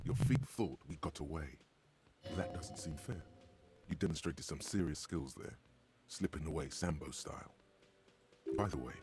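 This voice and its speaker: A man's voice: rumbling low, creaky, pitched below the performer's own voice, full character voice. A man voicing a wry, knowing inner skill voice in a video game, lecturing in a narrating tone.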